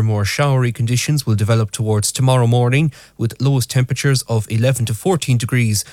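A man's voice: medium pitch, a little mellow, dry recording, studio quality. An Irish man presenting scripted local news headlines and a weather forecast on the radio. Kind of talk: scripted bulletin reading. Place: radio studio.

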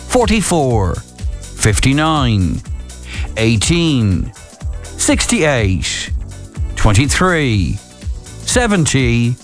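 Irish man, bingo caller, formulaic number calling, animated intonation, music underneath. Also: medium pitch, very slow, pauses often. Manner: announces numbers formulaically, digit by digit. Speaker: radio bingo caller and presenter.

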